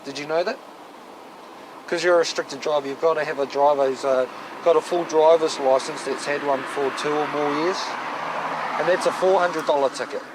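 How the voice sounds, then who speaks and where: A man's voice: on the high side, fairly even intonation, fairly quick. A man with a broad New Zealand accent, a police officer speaking bluntly and firmly in colloquial language to members of the public. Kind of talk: on-the-job talk with members of the public. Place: outdoors on a residential street. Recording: noisy outdoor location sound with traffic.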